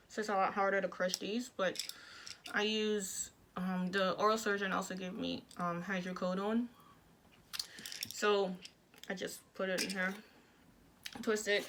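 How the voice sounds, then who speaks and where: This is a woman with a mid-range, fairly bright voice, with a bit of hiss or hum in the recording. She's a vlogger describing her recovery from jaw surgery, chatting casually while speaking through clenched teeth and barely moving her mouth.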